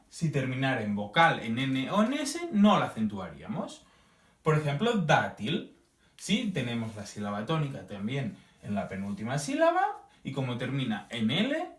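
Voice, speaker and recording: A man explains a grammar lesson, his pitch swooping high and low as he stretches out each example word. He often pauses to check in with the class. He sounds a little far the mic in an echoey room. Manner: lively, drawn-out examples, checking in with "¿sí?". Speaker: teacher.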